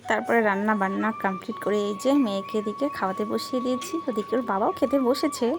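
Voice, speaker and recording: A woman's voice: a little high, fairly quick. A woman, a mother chatting to her viewers in a casual family vlog at home. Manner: chatty, addresses viewers directly. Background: background music.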